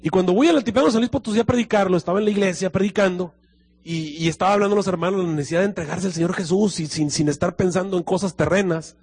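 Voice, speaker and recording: A man's voice: fast talker, slightly rough. A man preaching a sermon, telling a story and acting out both sides of the dialogue. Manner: storytelling, acting out dialogue with lively pitch swings.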